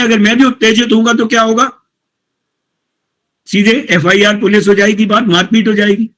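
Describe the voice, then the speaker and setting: A man, a college principal, giving a talk to teachers, reading English points slowly and explaining them conversationally. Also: high voice. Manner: casual, addresses listeners directly with questions. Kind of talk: motivational lecture to teachers.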